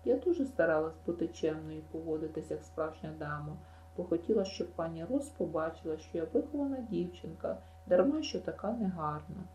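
Woman reader as an imaginative girl, dramatic and talkative, mellow and warm tone. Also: sits low, expressive, brisk, echoey room, muffled recording, a little hiss or hum. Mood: gushing. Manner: breathless, gushing storytelling. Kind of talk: audiobook reading.

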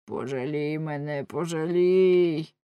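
A woman voicing a wounded old male werewolf fishmonger who begs for mercy in a slow, wailing voice. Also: sits low, smooth, no echo, highs cut off. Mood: begging.

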